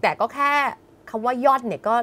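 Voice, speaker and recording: A woman's voice: a little high, a little fast, fairly bright tone. A woman from Thailand co-hosting a casual educational TV show, patiently explaining English vocabulary and modelling the pronunciation. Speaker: co-host teaching English vocabulary.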